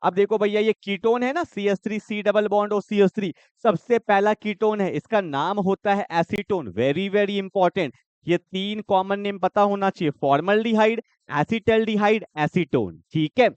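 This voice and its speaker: A man's voice: high-pitched, moderate pace, hardly any pauses, clear, resonant tone, no echo, muffled recording. A man teaching chemistry in an exam-prep lecture, keeps quizzing his students with repeated questions.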